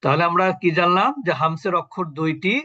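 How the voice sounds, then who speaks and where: A man with a high, bright voice teaches Quran recitation in an online class. He goes step by step and puts questions to his students before answering them himself. The audio is dull and lo-fi, like a video call. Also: fairly even intonation, fast.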